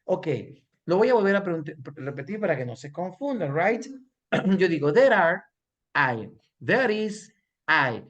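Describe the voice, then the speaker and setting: A man teaching an English class in Spanish and English, repeating example sentences slowly for his students. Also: high voice, sing-song, a bit bright.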